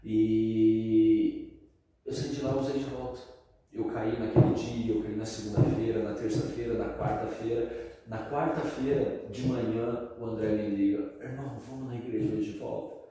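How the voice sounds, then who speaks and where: Man, Brazilian Portuguese accent, slangy filler-heavy testimony, dark voice, distant mic. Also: fairly low pitch, fairly even intonation, measured pace, slight background noise. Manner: slangy, full of fillers like cara and sabe. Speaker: testimony speaker. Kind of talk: personal testimony, casual storytelling. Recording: echoey hall from far off.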